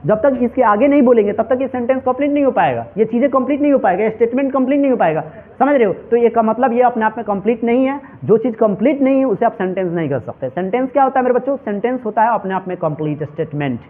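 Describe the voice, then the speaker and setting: A man's voice: very high-pitched, animated, fast. A man teaching an English grammar lesson to students, drilling them with repeated questions and answering in call-and-response. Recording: tinny phone-like recording.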